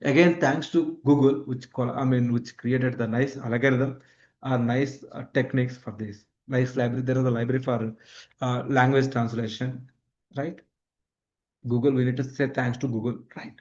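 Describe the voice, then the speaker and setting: Teaching online with a screen demo, a thirty-something man whose first language is Kannada uses repetition and frequent check-in questions. He has a South Indian accent and a mid-range voice with fairly even intonation, and he speaks at a moderate pace. The audio is dull.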